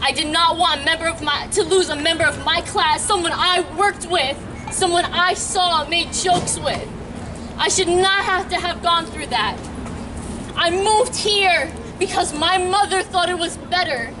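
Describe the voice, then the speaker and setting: A teenage girl from New York giving an earnest, emphatic protest speech outdoors, sometimes pausing and restarting mid-sentence. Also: extremely high pitch. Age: late teens. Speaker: student rally speaker. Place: outdoor plaza at a street rally. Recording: distant outdoor mic, crowd and traffic noise. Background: crowd cheering, traffic.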